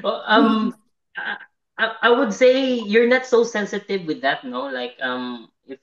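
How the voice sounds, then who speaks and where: A woman's voice: mid-range voice, slow pace. A woman hosting a casual podcast, asking prompting questions with hesitant ums and likes. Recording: echoey, dull lo-fi sound.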